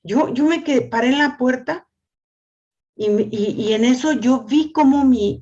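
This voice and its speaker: An older woman gives a church family lesson, often repeating words and asking "¿sí?", and tells stories in a lively voice. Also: on the high side, highs cut off. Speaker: family school teacher. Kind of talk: church teaching talk.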